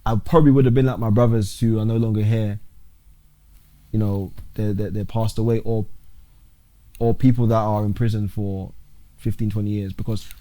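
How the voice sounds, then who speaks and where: A young man, a podcast guest talking casually and haltingly, restarting his sentences often. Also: lowish voice, steady tone, mellow. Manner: halting, restarts often, calls the host bro. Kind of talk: casual interview talk.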